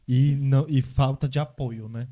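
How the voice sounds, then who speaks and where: A podcast host from Brazil with a very dark, mellow tone. They ramble through their questions and search for the right words. They talk casually and warmly with the guest. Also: medium pitch, fairly even intonation, moderate pace.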